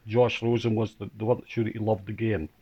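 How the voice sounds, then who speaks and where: A man, the host's father, chatting casually about sports in a halting way and repeating words while he thinks. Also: lowish voice, little pitch movement, dark tone, lo-fi sound.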